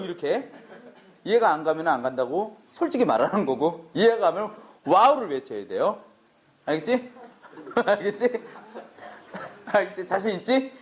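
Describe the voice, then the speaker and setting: A man's voice: on the high side, a little mellow, slight background noise. A man teaching math to a classroom, brash and teasing, swearing at students in a casual way. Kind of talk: classroom lecture.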